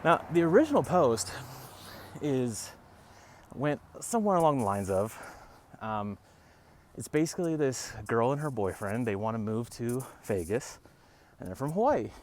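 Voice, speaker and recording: A man talks straight to camera in a casual rant, wry and sarcastic. His pitch swings widely up and down as he tells the story. He sounds a little out of breath, as if walking uphill outdoors. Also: normal speed, pauses often. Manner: animated, wry, sarcastic asides. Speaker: realtor vlogger.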